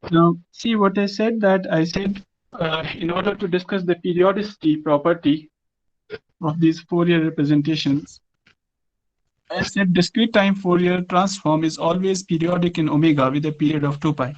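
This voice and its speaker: A high-voiced man explains things very slowly, as if to a class. His voice comes through a video call as choppy, glitchy audio that keeps breaking up. The sound is dull and lo-fi. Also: fairly even intonation. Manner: slow, explanatory, mixing Hindi and English. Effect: choppy, breaking-up online call audio. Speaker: lecturer. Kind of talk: online class lecture.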